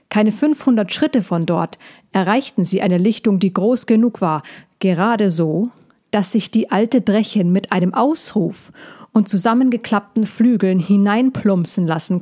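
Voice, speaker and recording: A woman narrating a children's fantasy story in a slow, soothing reading. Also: medium pitch, warm tone.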